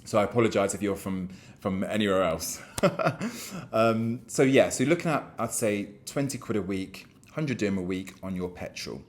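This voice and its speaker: A man's voice: on the low side, moderate pace. A man with a British accent giving casual, blunt talking-to-camera advice as a real estate business owner, often repeating words as he goes. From United Kingdom.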